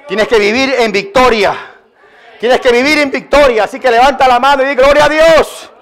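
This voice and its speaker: A man's voice: very high-pitched, fairly quick, a bit bright, a little hiss or hum. A man preaching a Sunday sermon in church, emphatic and repetitive, calling on the congregation to respond. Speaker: pastor. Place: church service. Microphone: live-streamed sermon.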